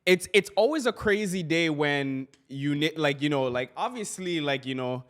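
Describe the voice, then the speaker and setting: A man's voice: a little high, expressive, moderate pace, a bit bright. A man chatting casually about politics as a co-host, slangy and rambling, often searching for his words.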